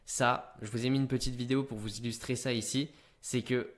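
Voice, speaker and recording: A teenage man giving business advice straight to camera in an energetic, punchy way. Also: mid-range voice, a little fast. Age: teens.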